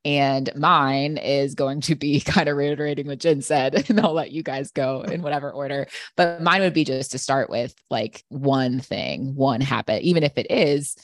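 A woman's voice: extremely low pitch, normal speed, few pauses, no room sound, studio quality. A woman hosting a podcast roundtable, chatty and laughing often between points. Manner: laughs often, conversational fillers. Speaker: podcast host. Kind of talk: casual roundtable chat.

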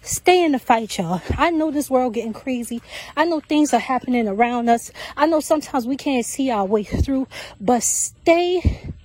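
A woman's voice: high voice, normal speed, a little mellow. A woman podcast host, out of breath from walking outdoors on a track, giving casual, repetitive faith encouragement. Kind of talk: faith-based encouragement talk.

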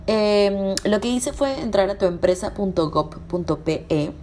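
A woman with a Peruvian accent and a hoarse, throaty, sick-sounding voice, talking casually as a podcast host sharing practical information. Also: medium pitch, animated, measured pace, warm tone. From Peru. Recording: clear background noise.

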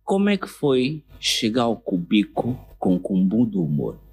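A man with an Angolan Portuguese accent, hosting a podcast and asking casual interview questions in a relaxed, drawn-out way with hesitations. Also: fairly low pitch, breathy edge, faint music behind. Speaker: podcast host.

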